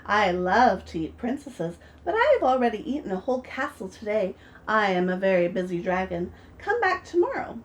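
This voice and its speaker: A woman voicing a boastful, greedy male dragon who brags loudly. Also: mid-range voice, big pitch swings, normal speed, natural voice.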